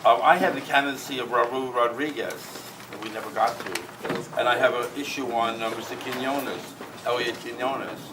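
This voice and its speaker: A man's voice: medium pitch, fairly even intonation, normal speed. A man with a Bronx accent, a lawyer representing candidates, speaking at a public hearing in a rambling, joking, apologetic way. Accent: Bronx New York. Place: hearing room. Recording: distant mic in a noisy room.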